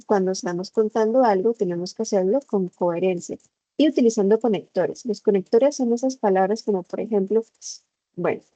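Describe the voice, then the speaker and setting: A woman's voice: medium pitch, dark tone, dry recording. A woman teacher giving a patient online class from her computer, acting out short examples. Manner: patient explaining, acts out examples. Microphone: computer microphone. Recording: muffled video-call audio.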